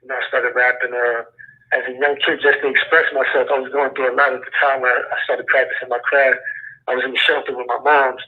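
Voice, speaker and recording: A man's voice: mid-range voice, flat delivery, fairly quick, a little hiss or hum. A man from Brooklyn with a Brooklyn New York accent, talking in laid-back street slang as an incarcerated guest calling in on a prison phone line. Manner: laid-back street slang, repeats "you know what I'm saying". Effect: heard over a prison phone line. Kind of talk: casual phone interview.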